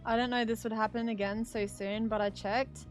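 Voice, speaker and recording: A woman's voice: fairly high pitch, little pitch movement, normal speed, soft background music, natural voice. A woman reading aloud the lines of a playful, earnest young male hacker from a visual novel, in a matter-of-fact way. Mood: serious.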